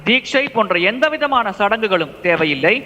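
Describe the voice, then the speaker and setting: A man interprets a lecture phrase by phrase in a high, bright voice. His delivery is fluent and steady. Long reverb from a hall trails behind his words. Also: moderate pace, dull audio, slight background noise. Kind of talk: consecutive translation of a lecture.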